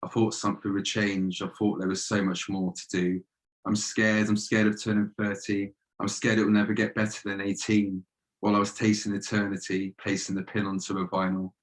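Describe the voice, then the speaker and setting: A young man in his twenties, a guest poet reading his poems in a measured, steady way over a video call. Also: on the low side, low-quality recording. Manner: measured, steady delivery with repeated refrains. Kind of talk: poetry reading.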